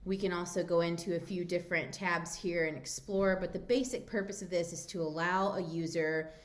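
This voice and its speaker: A woman giving an informal software demo as the lead presenter, with a hesitant, slightly nervous delivery. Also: lowish voice, fairly even intonation, moderate pace. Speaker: project presenter.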